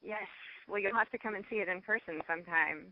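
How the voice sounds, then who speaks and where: A woman's voice: mid-range voice, quick pace, no echo. A woman guest speaking over the phone on a radio interview, chatty, laughing often and restarting her sentences. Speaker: guest cosmetics maker and scientist. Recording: dull dry phone line.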